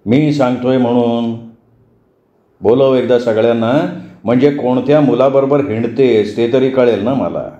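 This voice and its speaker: A man playing a stern middle-aged father who asks slow, controlled, probing questions. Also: mid-range voice, warm tone, lightly acted. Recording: roomy, dull lo-fi recording.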